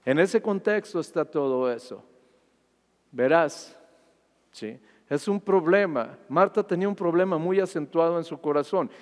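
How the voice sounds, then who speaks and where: A male preacher with a fairly high voice retells scripture to his congregation, again and again asking "¿sí?" as he goes. His sermon rings through a hall with a long reverb. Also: measured pace, darkish tone. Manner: asks the congregation "¿sí?" constantly, retelling scripture with rising fervor.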